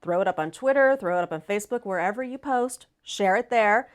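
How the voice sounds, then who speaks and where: A woman hosts a livestream in a raspy, hoarse voice. She talks in a folksy, animated way, as if chatting with friends, and leans on her words for emphasis. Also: mid-range voice, brisk. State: hoarse, recovering from laryngitis. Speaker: live stream host. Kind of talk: casual livestream chat.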